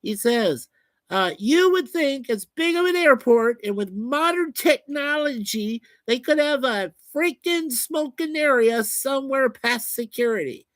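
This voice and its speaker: A man's voice: very high-pitched, expressive, unhurried, a bit bright, dry recording. A man hosting a livestream, casually reading out and answering viewer comments in a chatty, folksy way. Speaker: livestream host reading chat. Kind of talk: casual chat.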